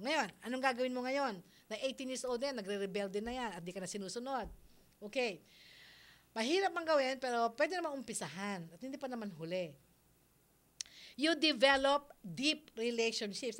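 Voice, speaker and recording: A woman's voice: on the high side, a bit bright. A middle-aged woman, hosting a radio advice show on parenting in a chatty way, mixing English phrases into her talk and laughing easily. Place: radio studio.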